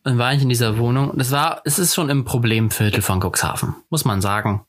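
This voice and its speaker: A man's voice: mid-range voice, brisk. A young man chatting casually on a podcast, telling a story and acting out the people in it.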